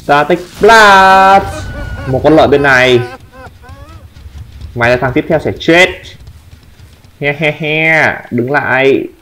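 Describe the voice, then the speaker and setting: A Vietnamese-accented man commenting on his own gameplay, taunting opponents and breaking into excited shouts. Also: mid-range voice, slow, pauses often. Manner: trash-talking, taunting, sudden excited shouts. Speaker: gameplay streamer.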